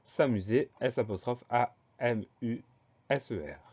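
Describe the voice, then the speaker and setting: A man teaching a children's spelling lesson, slow and patient, spelling each word letter by letter. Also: medium pitch, lively intonation, a little mellow, slightly rough. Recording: dull lo-fi recording.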